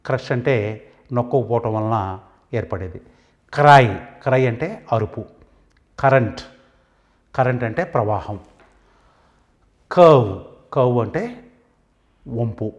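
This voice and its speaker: A Telugu-accented man leads a vocabulary lesson at an even, unhurried teaching pace. He says each English word, then its meaning, and pauses before the next item. His voice sits at an ordinary middle pitch for a man.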